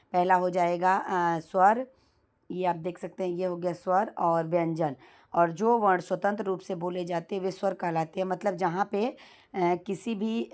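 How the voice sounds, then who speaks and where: A woman with a slightly low voice teaches an exam-prep lesson. She explains step by step in a conversational way and sounds out each vowel slowly. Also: darkish tone. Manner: frequent fillers and restarts, conversational.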